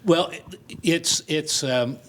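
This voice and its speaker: An older man, a community theater director and set designer, describes his theater directing work in a television interview. He speaks slowly in a fairly high voice, informal and good-humored.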